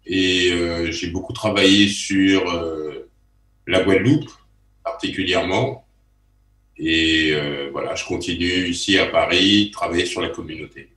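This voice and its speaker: A man's voice: sits low, measured pace, a bit bright. A middle-aged man introducing himself as a panel guest over a video call. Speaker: photographer guest. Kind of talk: self-introduction on a live panel. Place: room at home in Paris. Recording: echoey distant video-call sound.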